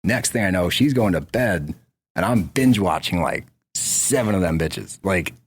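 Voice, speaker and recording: A man with a very low, deep voice tells stories as a guest in a casual podcast conversation. His delivery is laid-back and slangy, easy and unhurried. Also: lively intonation, husky.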